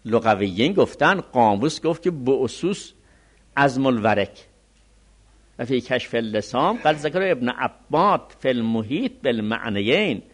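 Male seminary teacher, mid-pitched, animated intonation, alternates slow reading with quick commentary. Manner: reads Arabic text slowly, then explains it quickly. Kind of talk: religious law lecture.

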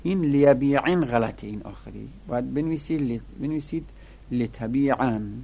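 A man teaching Arabic verb forms, chanting conjugations slowly and repeatedly in a sing-song way and stopping to correct errors in the textbook. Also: mid-range voice, creaky, mellow. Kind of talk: classroom lecture.

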